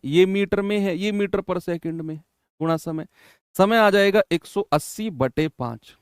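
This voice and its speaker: A man's voice: sits high, clean tone, dry recording, clean studio sound. A man teaching an exam-prep math lesson in Hindi, coaching students in a chatty way and often checking with "है ना?".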